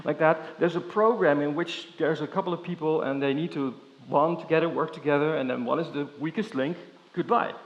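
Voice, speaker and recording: A man's voice: fairly high pitch, brisk, few pauses, lo-fi sound. Playful Dutch-accented man giving a keynote. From Netherlands. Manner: playful, energetic, with many fillers and restarts. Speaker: keynote speaker. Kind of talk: conference keynote. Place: large conference hall with audience.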